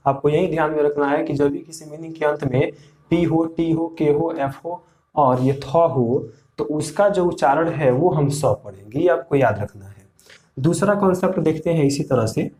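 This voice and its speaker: A man teaching an English pronunciation lesson, slowly repeating rules and asking the viewers questions. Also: on the high side, a little mellow. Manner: slow, repeats rules and asks the class questions.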